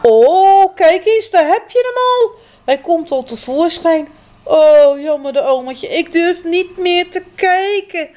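A woman voicing a fretful, excitable grandmother in a children's story, with shrill, gasping exclamations. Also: slow pace, exaggerated voice. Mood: frightened. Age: older.

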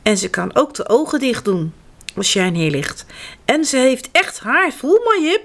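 A woman voicing an excitable little girl who shows off her new doll and squeals when it is grabbed. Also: sits high, a little slow, full character voice. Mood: proud. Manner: squealing and bossy.

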